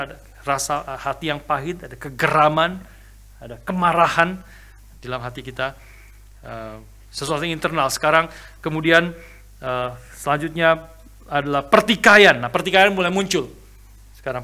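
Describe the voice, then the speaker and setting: A man preaching a sermon in a church, emphatic, with frequent fillers and sudden rises in loudness. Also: fairly high pitch. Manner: emphatic preaching with many fillers and rising shouts. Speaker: pastor. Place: church sanctuary.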